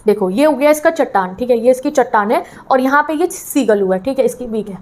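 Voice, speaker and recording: Young female teacher, high voice, slow English reading with lively Hindi-English explanation. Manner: reads English lines slowly, then explains in Hindi mixed with English; lively, acts out the bird's thoughts. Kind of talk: explaining a textbook story to students.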